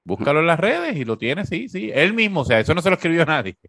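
Animated Puerto Rican man talking politics. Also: fairly high pitch, fairly quick, no echo, clean studio sound. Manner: animated, sarcastic, many fillers. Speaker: talk show host. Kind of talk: casual political commentary.

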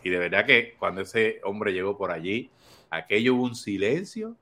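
A Puerto Rican man hosting a podcast, telling stories in animated casual political chat and laughing often. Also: lowish voice, moderate pace. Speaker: podcast host.

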